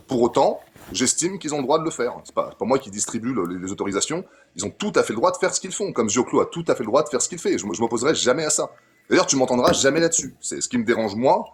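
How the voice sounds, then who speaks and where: Fast-talking, argumentative man in online debate. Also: mid-range voice, a little hiss or hum.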